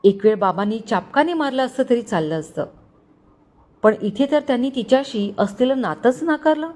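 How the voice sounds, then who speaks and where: Woman, storyteller, scripted story narration, even delivery. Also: on the high side, moderate pace.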